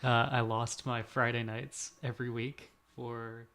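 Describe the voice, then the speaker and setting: A young man in his twenties with a gravelly, creaky voice, talking casually as a podcast co-host. He rambles through stories with self-deprecating humor and laughs often. His pitch sits in an ordinary middle range. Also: little pitch movement, unhurried, pushed and bright. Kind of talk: casual chat.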